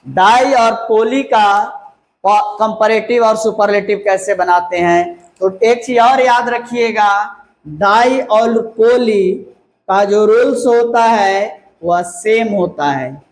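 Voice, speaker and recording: A man teaching a grammar lesson to a class. He talks slowly and repeats key words, spells them out letter by letter and keeps checking whether the class understood. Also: high-pitched. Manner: slow, repeats and spells words out, asks "clear?". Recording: echoey room.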